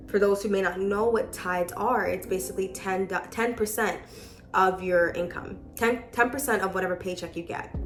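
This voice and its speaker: A woman's voice: mid-range voice, a bit bright. A woman in her twenties chatting casually at home, telling a personal testimony with lots of filler words and repeats. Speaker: vlogger giving a testimony. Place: at home in her apartment living room.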